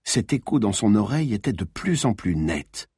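A man narrating a thriller audiobook in an expressive, dramatic reading. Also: lowish voice, normal speed, breathy edge, no echo, studio quality.

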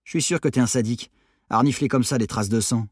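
A man's voice: mid-range voice, fast, breathy edge, dry recording, lightly acted. A man reading an audiobook, voicing a tall, blasé teenage girl who speaks in a dry, mocking way.

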